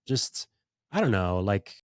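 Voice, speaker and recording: A man's voice: lowish voice, very animated, takes it slowly, no echo, studio quality. A man hosting a podcast interview in a casual, rambling way, full of fillers and restarts. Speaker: podcast host.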